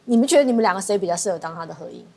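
Lively fast-talking woman host. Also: medium pitch, vocal fry. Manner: teasing, leads questions. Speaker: talk show host. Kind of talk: casual studio chat.

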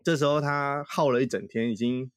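A man tells a story on a podcast in a relaxed, teasing way. His voice sits at a middle pitch and is recorded dry and close, with no room sound. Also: a little fast, clear, resonant tone, no echo. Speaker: podcast co-host. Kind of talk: casual storytelling chat.

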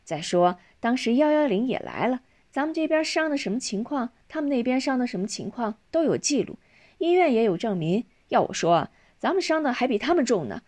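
A woman's voice: fairly high pitch, big pitch swings, fairly quick, a little mellow, voice pushed up. A woman voicing an assertive, outspoken grown daughter in a spoken storybook. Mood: confident. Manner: outspoken, insistent.

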